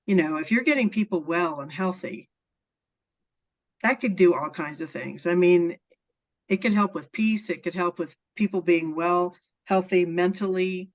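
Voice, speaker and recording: A woman's voice: lowish voice, normal speed. Earnest woman guest on a dull recording. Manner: earnest, enthusiastic, laughs often. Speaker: interview guest. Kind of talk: casual storytelling interview. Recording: dull lo-fi sound.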